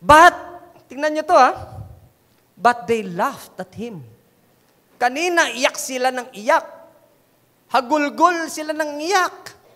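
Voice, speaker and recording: A man with a Filipino accent preaching a sermon as pastor, animated and dramatizing the story. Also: very high-pitched, takes it slowly, long pauses, long reverb tail. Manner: switches between preaching and quoting scripture.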